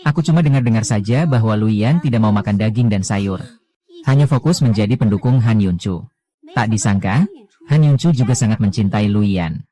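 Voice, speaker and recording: A man reading the dialogue of a dubbed drama, voicing every role in one even, low-key delivery. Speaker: voice-over reader of a drama.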